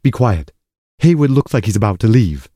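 A man's voice: lowish voice, big pitch swings, normal speed, dark tone, breathy edge, no room sound. A man playing a dry, secretive schemer in a comic audio drama, formal, terse and disapproving. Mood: exasperated, hushed urgency.

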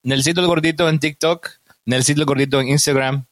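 Salvadoran man, podcast guest, fairly high voice, dry mic, wisecracks. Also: steady tone, fairly quick, no echo. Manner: wisecracking, chuckles through lines. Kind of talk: casual comedic chat.

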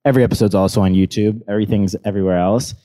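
A man's voice: on the low side, steady tone, rapid-fire, mellow. Casual young man saying "bro" a lot. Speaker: podcast guest. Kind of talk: casual podcast chat.

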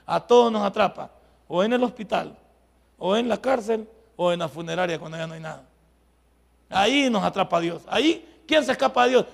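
A man preaching with a high, gravelly and husky voice. He mixes homely stories into his sermon and punches key points loudly. The sound carries a long hall reverb from the church. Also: animated, normal speed. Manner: folksy, emphatic preaching with sudden loud outbursts. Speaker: pastor.

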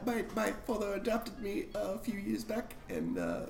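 A man's voice: high voice, wildly swooping pitch, moderate pace, creaky, echoey room, background noise, voice pushed up, heavily acted. A man voicing a small, thin boy scout who is polite, nervous and stammers. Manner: stammering, hesitant.

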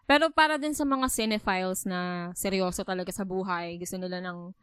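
Relaxed Filipino woman, smooth voice. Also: medium pitch, brisk, no room sound. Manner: relaxed, agreeing often, mixes English in. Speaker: host. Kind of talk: casual chat.

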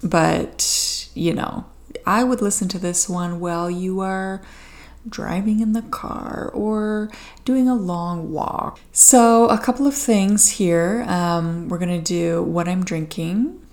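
A young Canadian woman hosts a casual solo podcast. Her voice is a little low for a woman, with plenty of vocal fry, and she takes her time. She rambles informally and pokes fun at herself. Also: slow, darkish tone. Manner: rambling, informal, self-deprecating. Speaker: podcast host. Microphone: podcast microphone with pop filter.

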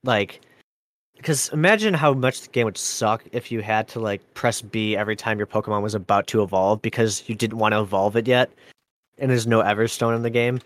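A man's voice: lowish voice, brisk. A man in his twenties co-hosting a casual podcast chat, laid-back and swearing freely. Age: 20s. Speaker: podcast co-host.

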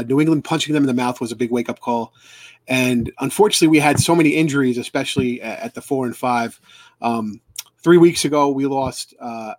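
A man hosts a casual fan-club live stream and talks in a loose, rambling way. He restarts his sentences often and fills the gaps with ums and uhs. His voice sits at an everyday middle pitch and sounds dry and close to the mic. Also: no room sound. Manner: rambling, many fillers and restarts.

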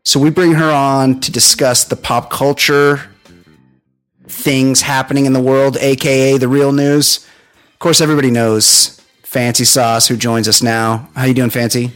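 A man hosting a casual comedic chat, rambling and halting as he repeats himself. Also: medium pitch, flat delivery, a bit bright, soft background music. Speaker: talk show host.

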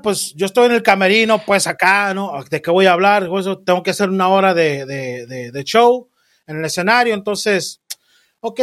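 A comedian hosting a casual interview, animated and profane, acting out stories as he talks. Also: high voice. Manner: animated, profane, acts out his own nerves. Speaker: host, comedian and singer.

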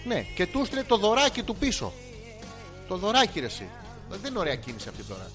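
A man's voice: sits high, wildly swooping pitch. A man co-hosting a podcast in casual banter, teasing his partner and swearing freely. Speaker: podcast co-host. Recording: music playing underneath.

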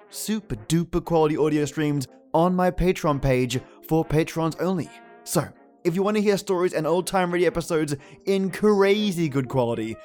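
Over background music, a man opens his podcast with a scripted intro, lingering theatrically on each phrase. His voice is a little high with a darkish tone.

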